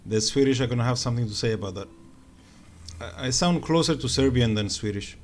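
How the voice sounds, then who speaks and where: With a little hiss or hum in the audio, a game streamer delivers live commentary in an animated, fairly quick, medium-pitched voice. He jokes around with chat and talks through each move while playing.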